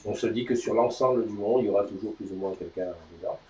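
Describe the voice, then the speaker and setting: Animateur bavard capté de loin. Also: male voice, on the low side, quick pace, mellow, a little hiss or hum. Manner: chatty, upbeat, announces and teases. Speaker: host of a live morning show. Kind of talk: casual live chat. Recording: distant, roomy, dull sound.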